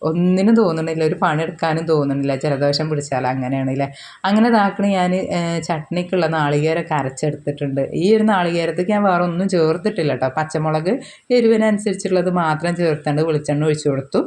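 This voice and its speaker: A mother and vlogger from the region, suffering a cold and sore throat, cooks in her home kitchen while chatting casually to viewers, filmed on a handheld phone. She talks fast in a deep voice, warmly treating viewers as friends and using frequent tag words.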